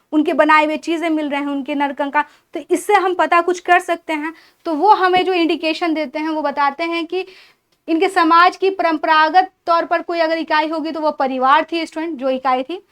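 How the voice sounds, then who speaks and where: A woman's voice: high voice, fairly bright tone. A woman giving an exam-prep history lecture, explaining step by step, asking questions and answering them herself, and listing items one by one. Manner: explanatory, asks and answers her own questions. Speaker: teacher.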